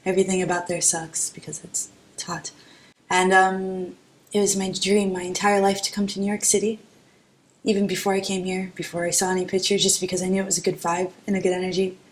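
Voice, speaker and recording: A woman's voice: on the low side, little pitch movement, a little fast, a little hiss or hum. A woman from Florida giving a sardonic, blunt interview answer.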